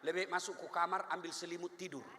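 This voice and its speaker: A man's voice: high voice, quick pace, a little hiss or hum. A man with a Makassar Indonesian accent preaching a humorous Islamic sermon, acting out voices of husbands and wives, recorded in an echoey hall. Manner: animated, jokey, acts out voices of husbands and wives. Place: large hall.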